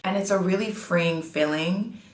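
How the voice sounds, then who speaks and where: A low-pitched woman in her thirties speaks straight to her viewers, earnest and encouraging, stressing the words that matter. Her voice rings in a roomy, echoing space. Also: measured pace. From United States. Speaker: vlogger. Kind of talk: casual talk to camera.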